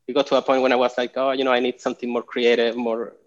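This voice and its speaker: A man in his forties from Chile, a guest artist talking casually in an interview over a video call, halting with many fillers and restarts. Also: medium pitch, little pitch movement. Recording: dull lo-fi call audio.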